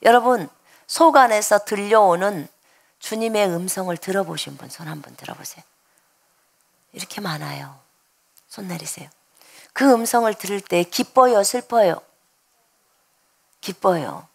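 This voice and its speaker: A woman's voice: medium pitch, animated, unhurried, gravelly, pauses often. A woman from preaching a sermon at a church service, telling a personal testimony and speaking directly to the congregation. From Jeolla, South Korea. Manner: storytelling, addresses the congregation directly.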